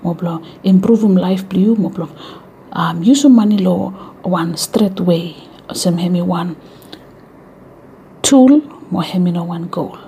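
A woman's voice: fairly low pitch, unhurried, dark tone, slight background noise. A woman with a Vanuatu accent hosting an informal educational radio talk in Melanesian pidgin mixed with English. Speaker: radio show host.

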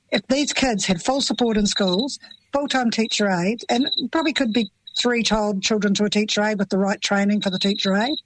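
A woman's voice: medium pitch, no room sound, low-quality recording. Impassioned New Zealand mother, dry sound. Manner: earnest, impassioned, plain-spoken. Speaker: parent of children with FASD. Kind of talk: emotional interview answers.

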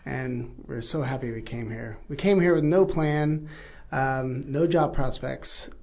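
A man's voice: medium pitch, a little slow, gravelly, darkish tone. A man, a printmaking teacher explaining his craft in a casual interview, with many ums and uhs. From born in New Zealand, raised in Texas. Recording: muffled lo-fi recording.

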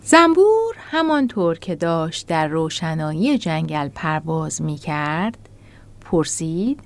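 A woman hosting a radio show and narrating a children's story gently. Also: low voice, sing-song, soft background music.

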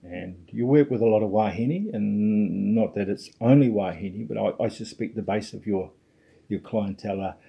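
A man's voice: lowish voice, moderate pace, gravelly, slightly rough, dull audio. A man in his sixties with a New Zealand accent, hosting a conversational interview and circling his way towards each question. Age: 60s. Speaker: show host.

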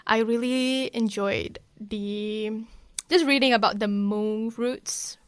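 New woman host, higher voice, hesitant with lots of fillers, dry close sound. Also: fairly even intonation, takes it slowly, clear, resonant tone, no echo. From Malaysia. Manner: warm, hesitant, many "like" and "um" fillers. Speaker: interview host. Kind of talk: casual interview.

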